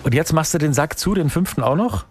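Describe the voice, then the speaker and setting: A man hosting a radio call-in quiz, chatty and upbeat, quick to praise and joke with the caller. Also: a little high, expressive. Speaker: radio host.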